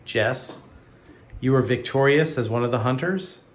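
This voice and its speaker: A man hosts a casual board game review, talking conversationally at a middle pitch. His voice rings with clear room echo, and a faint background noise sits behind it. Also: measured pace. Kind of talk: casual video hosting.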